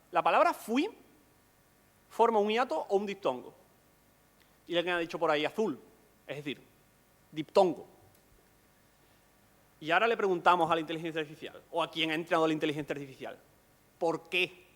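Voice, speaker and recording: Male lecturer, fairly high voice, patient explainer, echoing hall sound. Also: animated, quick pace, pauses often, fairly bright tone. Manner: explanatory, asks rhetorical questions. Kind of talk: conference lecture.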